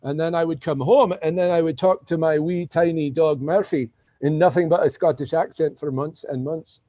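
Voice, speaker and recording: Actor, male, chatty storyteller; mellow, dry sound over a dull video-call line. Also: on the high side, fairly even intonation, moderate pace, no echo. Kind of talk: casual video-call chat.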